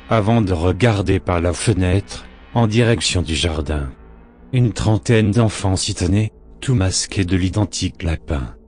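A man reading a horror story aloud in a measured, grave narration. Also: low voice, darkish tone.

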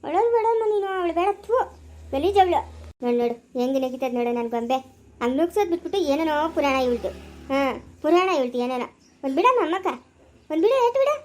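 A woman playing a sharp-tongued village mother and farm owner who scolds workers and coos to her baby. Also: high voice, lively intonation, quick pace, a little hiss or hum. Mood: soothing.

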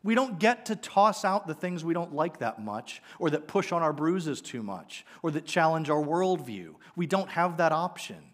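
A man in his forties, a pastor giving a conversational, animated sermon on a church stage with a headset mic. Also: fairly high pitch, normal speed, few pauses. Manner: conversational, animated preaching with gestures. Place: church sanctuary stage, indoors.

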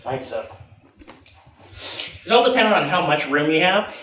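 A man's voice: fairly high pitch, sing-song, unhurried, sharp tone. A young man giving instructions as a martial arts coach, talking while he demonstrates movements on the floor. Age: young adult. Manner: physically active, talking while moving on the floor. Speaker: jiu-jitsu instructor. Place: matted martial arts gym room, indoors. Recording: echoey room, distant mic, background noise.

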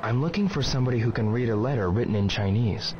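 A man's voice: medium pitch, animated, fast talker, noisy background, natural voice. A man playing a stoic, polite young man in a video game, with a serious, clipped delivery. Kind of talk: scripted video game dialogue. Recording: dull, compressed game audio. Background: clear background music.

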